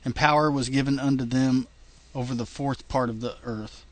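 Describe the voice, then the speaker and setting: A man's voice: mid-range voice, fairly even intonation, normal speed. A man co-hosting a casual podcast, reading long scripture passages aloud with stumbles and chatting between them. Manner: reads long passages with stumbles and laughs at the wording. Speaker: podcast co-host.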